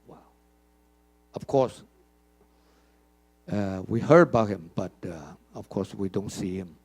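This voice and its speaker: A fairly low, darkish voice belongs to an older man giving a conference keynote, and he takes it slowly. He is emphatic in the hall, asking the audience questions and repeating words often.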